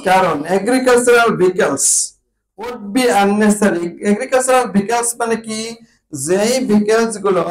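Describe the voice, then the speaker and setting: A man's voice: high-pitched, poor audio. A man from Bangladesh teaching an IELTS reading class, asking his students the same short questions again and again. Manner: drills students with repeated questions. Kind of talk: classroom lesson.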